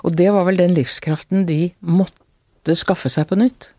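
An older woman, an author being interviewed, telling her family's story in an earnest, halting way with many restarts. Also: on the low side, fairly even intonation, dark tone, no room sound, clean studio sound. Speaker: author guest. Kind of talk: reflective interview talk.

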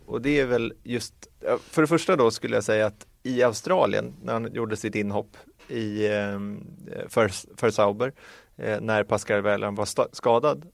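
Swedish male co-host, low gravelly voice, dry sound, hedging chat. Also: no room sound. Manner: measured, hedging explanations with fillers. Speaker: podcast co-host. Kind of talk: casual motorsport podcast chat.

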